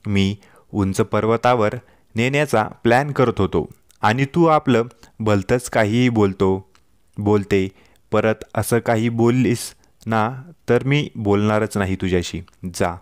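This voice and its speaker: A man's voice: on the low side, takes it slowly, clear, resonant tone, no echo, studio quality. A man voicing a joking, loving young husband in a told story, light and reassuring. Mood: jokey. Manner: jokey, reassuring. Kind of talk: storytelling dialogue.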